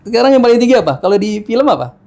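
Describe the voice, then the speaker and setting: Speaking rapid-fire and very animated, this Jakarta-born podcast guest in his thirties has a very high voice with a darkish tone. He recounts his life in relaxed conversation, often using fillers and starting over, while faint noise sits in the background.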